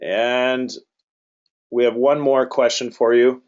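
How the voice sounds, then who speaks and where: Male webinar moderator, informal and loosely worded, average pitch, muffled lo-fi recording. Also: flat delivery, slow pace, darkish tone. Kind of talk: live webinar hosting. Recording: dull lo-fi audio.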